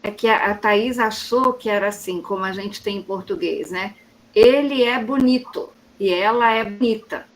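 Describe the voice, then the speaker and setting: A woman's voice: mid-range voice, normal speed, low-quality recording. A woman hosting a study group discussion, who clarifies points patiently and rephrases them. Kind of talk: casual discussion.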